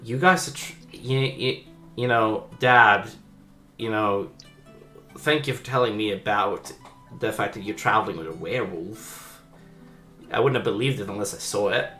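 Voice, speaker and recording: A man voices a young male adventurer, somebody's son, in a tabletop game. He is dry and reproachful, with a bright tone. The microphone is echoey, with faint music behind. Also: on the low side, normal speed, pitched below the performer's own voice. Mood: dryly reproachful. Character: game master's adventurer son, dryly reproachful to his father. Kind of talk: tabletop role-play in character.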